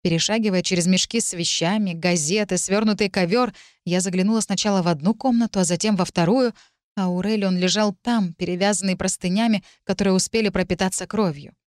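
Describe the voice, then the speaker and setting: A woman narrates a first-person audiobook in a measured, emotive voice at a middle pitch. The recording is close and completely dry. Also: fairly even intonation, a little mellow, no echo.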